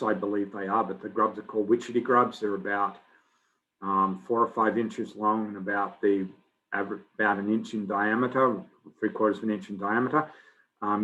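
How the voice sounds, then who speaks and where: A middle-aged man from Australia, giving a relaxed, conversational biology lecture full of fillers. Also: lowish voice, dull audio. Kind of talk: recorded lecture.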